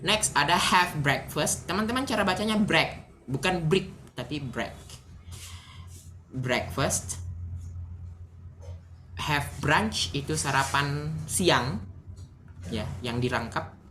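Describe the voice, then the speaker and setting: A woman's voice: sits low, expressive, measured pace, sharp tone, a little hiss or hum. A woman teaching English to an online class over a video call, explaining patiently step by step and often checking in with her students.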